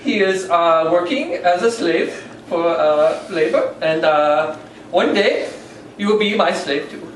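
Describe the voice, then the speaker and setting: A man plays a deadpan Indian wrestler giving a comedic promo. His voice is high and hesitant, heard from off-mic in a very echoey room. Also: slow. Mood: deadpan threat. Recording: very echoey, distant, hissy room recording.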